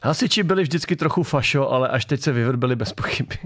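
A man's voice: mid-range voice, fairly bright tone. A man hosting a political commentary show from his garage, mocking video clips in a sarcastic tone.

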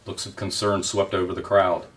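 A man reading a children's novel aloud in a gentle, unhurried storytelling manner. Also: low-pitched, completely flat delivery, distant mic, slight background noise.

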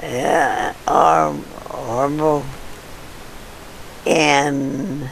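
An older woman being interviewed, telling old neighborhood stories in a halting way with fillers and chuckles. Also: rumbling low, steady tone, gravelly, slight background noise. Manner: halting storyteller with frequent laughs and fillers. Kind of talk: casual reminiscing.

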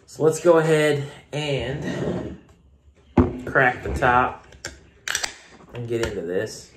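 At home, a beer reviewer with a Southern US accent casually reviews a drink on his phone camera, chatty, rambling and self-mocking. His voice is medium in pitch and slow, with a noisy background.

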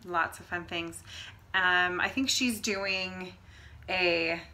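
Bright, gushing woman co-host. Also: on the low side, steady tone, takes it slowly. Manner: gushing, enthusiastic. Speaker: podcast co-host. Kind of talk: casual chat. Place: home room, recorded on a phone.

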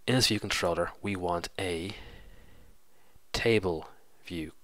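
Low, bright-toned man with a cold. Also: takes it slowly, dry recording. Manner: casual, explaining step by step, self-correcting. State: congested with a cold. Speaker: programming tutorial host. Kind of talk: screen-recorded coding tutorial.

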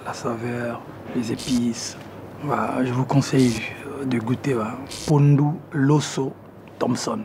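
A Congolese musician in his thirties, whose first language is Lingala, talks casually to camera in Congolese-accented French about his own interests. His medium-pitched voice is relaxed, measured, and hesitant with many fillers, recorded on an outdoor garden terrace among plants with music underneath and a little hiss or hum.

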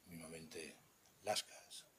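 A man with a Spanish accent and a very low voice walks a phone camera around a buffet table indoors. He speaks off the cuff as a cheese expert, halting and rambling, often trailing off into murmurs. Faint room noise sits under his voice. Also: flat delivery, fairly bright tone. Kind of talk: unscripted walkthrough. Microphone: handheld phone camera.

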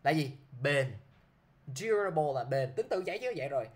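A man's voice: fairly high pitch, lively intonation, normal speed. A man teaching English vocabulary to a class, who keeps checking with his students by repeating a short prompt.

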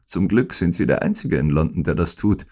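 A man voicing a sneering villain who loudly taunts and mocks a bedridden rival. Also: deep voice, sing-song, a little fast, full character voice. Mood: gloating. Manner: loud, taunting, mocking. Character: sneering, mocking male villain gloating at a rival. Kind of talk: audiobook acting.

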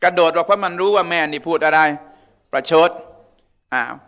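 A man's voice: on the high side, normal speed, fairly bright tone. A man giving a conversational religious lecture in a mosque, often asking the audience questions. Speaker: religious teacher.

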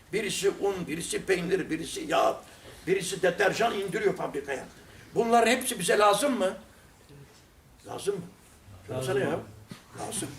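Older male teacher, higher-pitched voice, humorous anecdotal delivery; distant mic in a roomy space. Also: a bit bright. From Turkey. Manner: humorous, acts out dialogues from his stories. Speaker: religious lesson teacher. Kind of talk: anecdotal storytelling lesson. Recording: roomy sound from a distant mic with faint noise.

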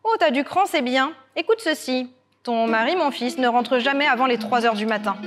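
A woman's voice: high-pitched, moderate pace, natural voice. A woman voicing the devil's old mother, stern and warning, over guitar music.

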